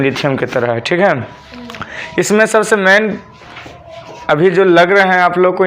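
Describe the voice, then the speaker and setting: A man's voice: high voice, a bit bright. A male teacher, giving a classroom lesson and drilling students with repeated questions for them to answer back.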